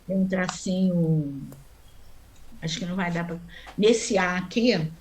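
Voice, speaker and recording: A woman's voice: on the low side, a little mellow, a little hiss or hum. A woman teaching a Sanskrit class online, explaining step by step and often checking in with her students. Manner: chants mantra syllables slowly.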